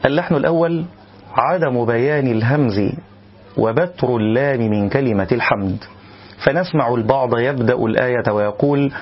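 A man giving a measured spoken lesson, breaking into slow, drawn-out chanted examples as a recitation teacher. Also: mid-range voice, husky, highs cut off.

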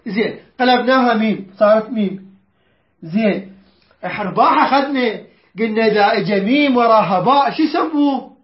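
A man with a very high voice teaches Quran recitation rules. He quizzes his students, corrects how they say each word and recites verses slowly and stretched out. The recording sounds roomy and a bit dull. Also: animated. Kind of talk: tajweed lesson to students.

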